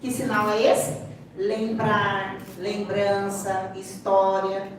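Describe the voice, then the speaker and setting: A woman speaks slowly in a level, medium-pitched voice with a Brazilian Portuguese accent, explaining a live seminar as both speaker and sign language interpreter. She teaches carefully, keeps steering attention to the demonstration, and slips in playful asides, all in a very echoey hall picked up by a distant mic with faint room noise.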